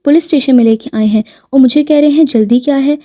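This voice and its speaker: Brief: woman voicing a doting husband, playful then firm, mellow higher voice, storybook. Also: lightly acted. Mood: insistent. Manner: teasing and tender, then firm when arrested. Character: devoted affectionate husband, teasing, wealthy businessman.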